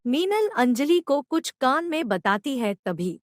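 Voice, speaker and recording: Storybook narrator, woman, slow and dry, plain delivery. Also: high voice, sing-song, dry recording.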